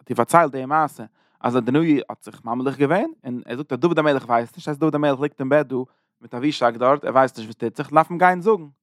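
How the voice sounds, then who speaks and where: A man teaching a lesson on a biblical chapter. He retells the story in plain everyday terms, in rapid run-on sentences with many restarts. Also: mid-range voice, no room sound, studio quality.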